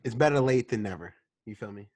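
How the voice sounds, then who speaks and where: Casual podcast chat comes from a twenty-something male host who tells a story with plenty of slang and repeats his words. He talks quickly in a lowish, slightly mellow voice.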